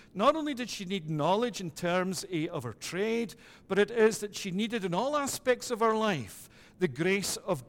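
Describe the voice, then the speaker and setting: A middle-aged pastor from Scotland preaches a measured, deliberate sermon in a fairly high voice, his steady, patterned phrases often repeating "it is that." A long reverb trails off the sanctuary walls after his words.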